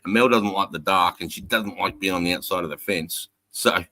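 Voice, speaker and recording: A man's voice: low voice, brisk, pushed and bright, no echo. An Australian man hosting a livestream, chatting and telling stories casually in a blokey way with plenty of swearing. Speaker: livestream host. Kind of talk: casual livestream chat and storytelling.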